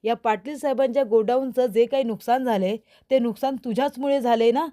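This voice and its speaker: A woman's voice: a little high, brisk, mellow, lightly acted. A woman voicing a stern middle-aged father who scolds his son, in a retold TV serial recap. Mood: scolding. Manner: scolding, accusing.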